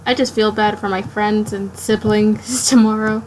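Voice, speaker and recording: A woman's voice: mid-range voice, steady tone, darkish tone, a little hiss or hum, rough recording. Sleepy woman rambling while she draws. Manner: rambling, halting, talks to herself while drawing. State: sleepy, yawning late at night. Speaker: art streamer. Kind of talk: casual live-stream self-talk.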